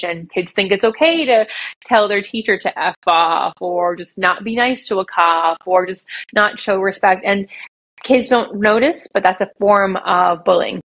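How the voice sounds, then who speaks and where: A woman's voice: medium pitch, fairly bright tone, poor audio. A woman, a children's author and speaker, answering as a guest on a podcast in an earnest, emphatic way. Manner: earnest, emphatic, quick in bursts. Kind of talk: podcast interview.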